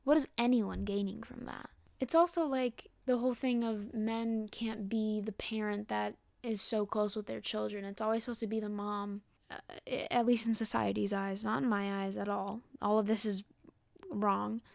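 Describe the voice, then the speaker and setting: A young woman hosting a podcast, talking frankly and casually with quick asides and acted-out quotes. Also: mid-range voice, steady tone, vocal fry, darkish tone, dry recording. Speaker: podcast host. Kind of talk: solo casual podcast rant.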